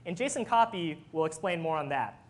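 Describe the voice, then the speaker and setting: Engineer presenting, sex open: mid-pitched, explanatory, walks listeners through step by step. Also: lively intonation, brisk. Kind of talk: technical presentation.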